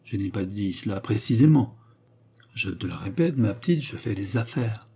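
A man voicing a scheming, mocking baronet of about thirty, raising his voice to sound smooth, teasing and coldly calculating in an audiobook reading. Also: fairly low pitch, lively intonation, moderate pace, warm tone, full character voice.

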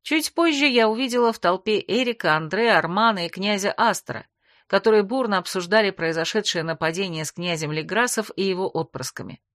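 A woman's voice: mid-range voice, fairly quick, a bit bright, no echo. Dry, close woman narrating an audiobook. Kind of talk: first-person fantasy audiobook narration.

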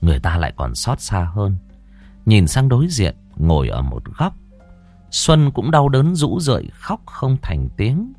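A man's voice: lowish voice, wildly swooping pitch, unhurried. A man narrating a scripted audiobook in a solemn, dramatic storytelling manner. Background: soft background music.

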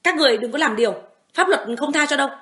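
Woman voicing a tearful, sharp-tongued young heroine. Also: a little fast, natural voice. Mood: defiant. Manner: pleading, shrill, stammering.

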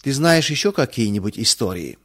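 Man narrating, children's bible story, gentle reading, mid-pitched voice. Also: sing-song, a little fast, breathy edge.

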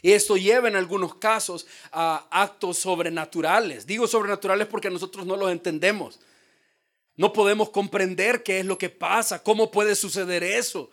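Man preaching, high voice, dramatic, hushed then shouting. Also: normal speed. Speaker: pastor. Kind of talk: sermon.

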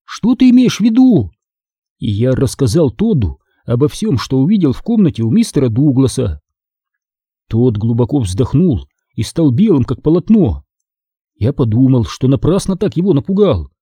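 Husky, dark-toned male storyteller. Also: medium pitch, moderate pace, dry recording, clean studio sound. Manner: expressive first-person narration. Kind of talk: audiobook narration.

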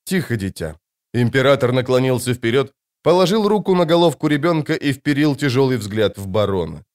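A man narrates a novel in a measured, even tone. His reading is steady and unhurried. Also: mid-range voice. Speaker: audiobook reader. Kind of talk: scripted narration.

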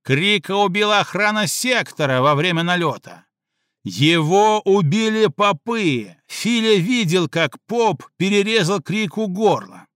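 A man voicing an angry, scheming male gang rival who shouts his accusations. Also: sits high, lively intonation, moderate pace, no echo, clean studio sound, voice pushed up. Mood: shouting. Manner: loud, shouting.

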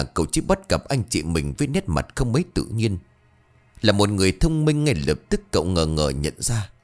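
Male storyteller, lowish voice, very animated, dramatic reading, faint music behind. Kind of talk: ghost story narration.

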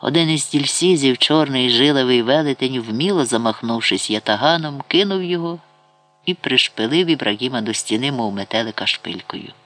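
A man narrates a historical novel for an audiobook. His voice sits at a middle pitch, and he reads in a measured, expressive way.

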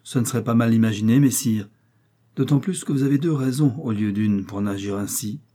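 A man's voice: mid-range voice, a little fast, dark tone, close to an everyday voice. A man reading an old novel aloud, voicing a cunning, ironic male servant who plots against his master. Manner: mocking, insistent. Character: scheming sly male servant, ironic and bold.

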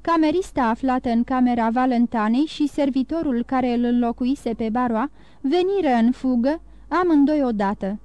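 Woman narrator, high, mellow voice, steady audiobook reading, dry close sound. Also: no echo.

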